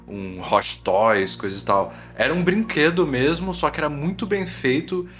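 Excited young Brazilian man, very slangy. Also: fairly high pitch, moderate pace, faint music behind. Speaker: podcast co-host. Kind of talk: casual chat.

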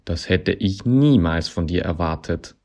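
A man voicing a sarcastic male climbing hold that talks back, dry and mocking, growing into loud accusations. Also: low-pitched, animated, drawn-out words, exaggerated voice.

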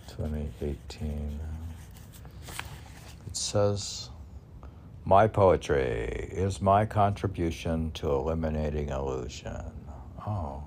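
With a rumbling low, creaky, somewhat mellow voice, this American man reads his own poems casually, repeating lines and pondering them aloud in meandering asides. There's faint noise in the background.

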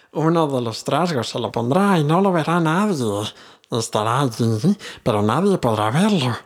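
A man's voice: breathy edge, full character voice. A man voicing a wretched ancient cave creature that hisses, whines and mutters to itself in an audiobook. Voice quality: hissing, muttering to himself. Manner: whining, cursing, sudden high outbursts. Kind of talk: audiobook character reading.

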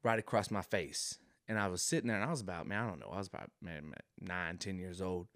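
A man telling a long comic story in an animated, rambling way, full of slangy asides to the listener. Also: sits low, fast, no room sound, clean studio sound. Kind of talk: comedic storytelling monologue.

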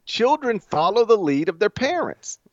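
A man in his thirties, co-hosting a casual sports podcast, talking in an animated, chatty way with frequent restarts. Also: high voice, normal speed, no room sound, highs cut off. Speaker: podcast co-host.

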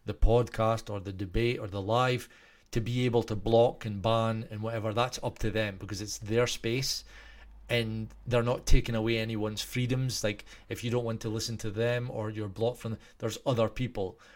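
A man's voice: on the low side, little pitch movement, moderate pace. A man with a Scottish accent talking casually to his viewers in a rambling way, full of restarts and fillers. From Scotland.

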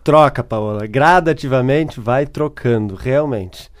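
A man's voice: mid-range voice, takes it slowly. A man with a Brazilian Portuguese accent, a guest speaker on customer service, answering interview questions and telling worked examples. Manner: tells stories and worked examples.

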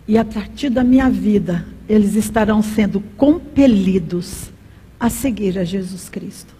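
A woman's voice: medium pitch, unhurried, dark tone, breathy edge, long reverb tail. A woman preaching a sermon, telling a personal story with passion.

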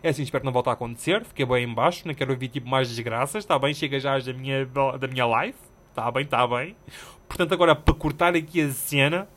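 A young man with a European Portuguese accent, telling a story on his solo podcast in animated, slangy and self-mocking casual chat. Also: medium pitch, fast talker. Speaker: podcast host.

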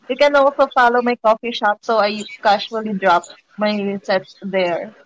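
A woman's voice: mid-range voice, fairly even intonation, moderate pace, no room sound, poor audio. A drunk woman with a Filipino accent, a cosplayer guest who giggles and rambles while chatting. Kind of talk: casual chat.

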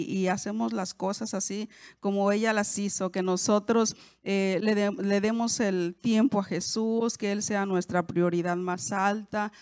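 A woman's voice: medium pitch, a little mellow, no room sound, studio quality. Conversational woman teaching the Bible. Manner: conversational, asks listeners questions, frequent self-corrections. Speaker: Bible teacher, podcast host.

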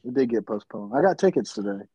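A man's voice: medium pitch, expressive, fast talker, mellow, husky, dry recording. A man co-hosting a podcast, bluntly insulting his friends in crude banter over a video call. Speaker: podcast co-host. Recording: dry, muffled call audio.

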